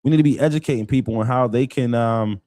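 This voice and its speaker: A man co-hosting a live talk show speaks quickly and earnestly, stacking phrase on phrase for emphasis. His voice sits at a middle pitch and sounds close and dry, with no room around it. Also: warm tone, dry recording. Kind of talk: casual commentary on local politics.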